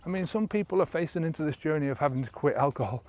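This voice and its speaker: A man's voice: on the high side, very fast, darkish tone, a little hiss or hum. A man of about fifty, a sobriety coach, talking casually in a vlog while walking an outdoor trail, rambling with many fillers, filmed on a handheld camera at arm's length.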